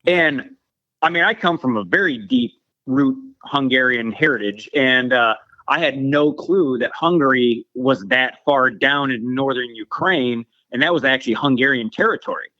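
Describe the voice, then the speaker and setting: A man's voice: medium pitch, normal speed, pushed and bright. A man telling a story in a casual podcast conversation, acting out the voices of the people he quotes. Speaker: veteran guest. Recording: dull lo-fi sound.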